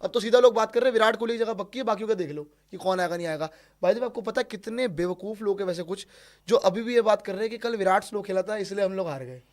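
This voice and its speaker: A man co-hosting a casual cricket talk show, excitable, repeating his points and laughing as he talks. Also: sits high, quick pace.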